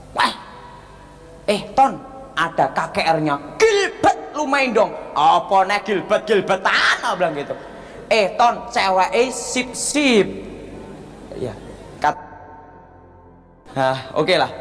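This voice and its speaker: A man, a pastor giving a sermon testimony and telling his story with acted-out dialogue and loud exclamations. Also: high voice. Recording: long reverb of a large hall.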